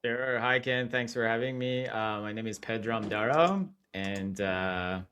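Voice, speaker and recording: A man's voice: lowish voice, a little slow, slight background noise. A man, talking casually and animatedly as a podcast guest. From Iran. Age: 40s. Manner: animated, chatty, laughs between thoughts. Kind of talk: casual interview talk.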